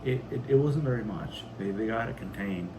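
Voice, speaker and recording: This homestead vlog is hosted by an American man with a lowish voice who talks a little fast. He chats casually and reads viewer comments over constant background noise.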